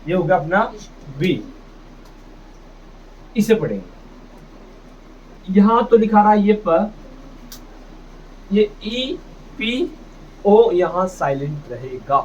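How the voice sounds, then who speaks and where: A man's voice: high voice, very animated, takes it slowly, pauses often, darkish tone. A man teaching English reading in a classroom, sounding out words and quizzing his students with his own questions. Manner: drills pronunciation, asks and answers his own questions. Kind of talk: classroom phonics lesson. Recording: distant dull mic with faint noise.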